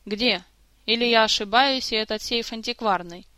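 A man's voice: high-pitched, moderate pace, bright, forceful tone, no echo. Woman voicing a grumbling sarcastic thief. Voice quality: gruff, mocking. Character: grumbling sarcastic male jester-thief, adult.

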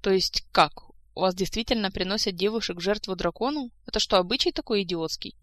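A woman's voice: medium pitch, brisk, a bit bright, no echo, lightly acted. A woman reading aloud, voicing a blunt, sarcastic young woman. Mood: surprised. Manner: blunt, wry.

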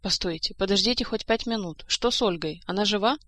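A woman doing a brisk, commanding king. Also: mid-range voice, a bit bright, dry recording, close to an everyday voice. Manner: brisk, direct.

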